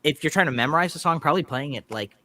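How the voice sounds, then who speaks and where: A man's voice: a little high, lively intonation, racing, pushed and bright. A man talking in a casual, rambling chat, full of fillers and restarts. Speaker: musician and host.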